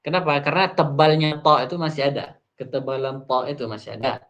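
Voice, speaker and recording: A man teaching the rules of Quran recitation, reading Arabic lines and explaining them, slowly drawing out example words. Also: fairly high pitch, fairly even intonation, a bit bright, dull audio. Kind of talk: tajwid lesson explaining a classical text.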